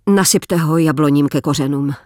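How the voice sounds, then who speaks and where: A man voicing a hidden German soldier in an audiobook, speaking calmly and gravely. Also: fairly high pitch, no echo, studio quality, natural voice.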